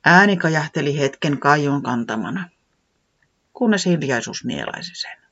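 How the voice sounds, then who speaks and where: A storyteller narrating a children's story in a gentle, expressive way, sometimes dropping to a whisper. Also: medium pitch, slightly rough, dull audio.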